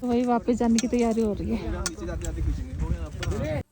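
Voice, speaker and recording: A woman's voice: medium pitch, expressive, slow, a crowd in the background. A young woman vlogging on a mountain summit, talking casually and cheerfully to her phone camera and teasing her friends. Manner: chatty, upbeat, teasing friends. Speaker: travel vlogger. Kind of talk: casual vlog narration outdoors. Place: windy mountain summit outdoors. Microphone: handheld phone camera.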